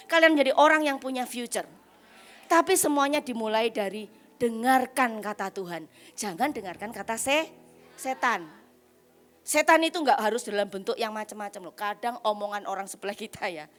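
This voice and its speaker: A woman evangelist preaching a lively sermon at a retreat, teasing and blunt, throwing rhetorical questions at the crowd and dropping English phrases. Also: on the high side.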